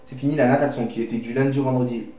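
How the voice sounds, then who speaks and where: A man's voice: mid-range voice, fairly even intonation, very fast, dark tone, a little hiss or hum. A man presenting a home-made mock news bulletin, rambling, joking and often correcting himself. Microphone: webcam. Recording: dull, echoey webcam recording.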